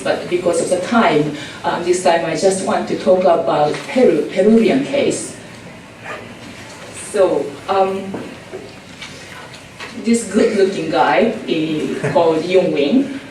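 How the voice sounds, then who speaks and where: Speaking English with a Japanese accent, a woman from Japan gives an academic conference presentation peppered with ums and uhs. Her voice is fairly low and mellow, captured by a mic at a distance in an echoey conference room with slight background noise.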